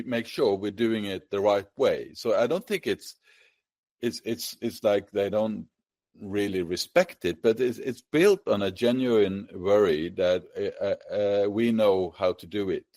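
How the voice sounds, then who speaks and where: Casting: Norwegian interviewer, low voice, halting, dry close sound. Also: male voice, a little mellow, dry recording. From Norway. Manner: halting, restarts words often. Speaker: host, interviewer. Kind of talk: conversational interview.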